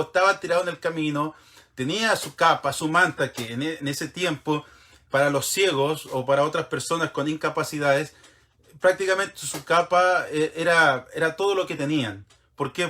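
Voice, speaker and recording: A man's voice: on the high side, a bit bright. A man preaching a sermon in an earnest, conversational way, often repeating and restarting his words.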